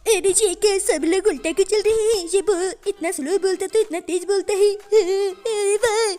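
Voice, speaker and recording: A mischievous little cartoon boy, as a man puts him on chatters in a very high, squeaky voice. His tone is soft and mellow rather than sharp, and a faint music bed plays under the gameplay. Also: fairly even intonation, moderate pace. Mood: puzzled. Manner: squeaky, whiny when scared.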